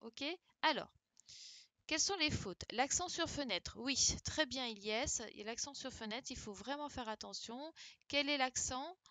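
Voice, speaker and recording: Slow, patient woman teacher. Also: sits high, pushed and bright, dry recording. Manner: patient, encouraging, reads words slowly. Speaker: primary school teacher. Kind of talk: live-streamed dictation correction.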